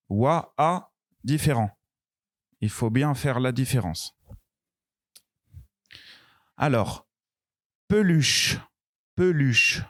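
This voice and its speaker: Male language teacher, slow patient delivery, repeats each word for beginners, dry room. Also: mid-range voice, a little mellow, no echo. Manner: slow, patient, repeats words and sounds clearly. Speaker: French teacher. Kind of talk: beginner pronunciation lesson.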